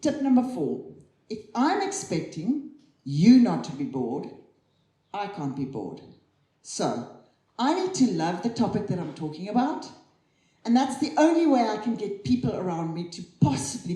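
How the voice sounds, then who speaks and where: A woman giving a chatty conference keynote on stage, lively and quick to laugh at herself. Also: mid-range voice. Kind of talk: live tech talk on stage. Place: conference hall. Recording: roomy hall sound.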